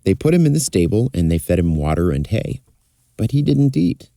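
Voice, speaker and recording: A man's voice: fairly low pitch, big pitch swings, normal speed, vocal fry, dark tone, no echo. A man telling a folktale in a fireside storytelling style, as narrator. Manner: acts out characters' dialogue.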